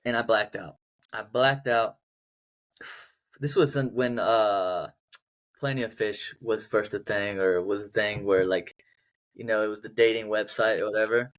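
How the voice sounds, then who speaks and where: A man's voice: fairly low pitch, fairly even intonation, unhurried. A young man co-hosting a casual podcast, telling a story in a laid-back, slangy way. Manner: laid-back, slangy, says dude a lot. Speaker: podcast co-host.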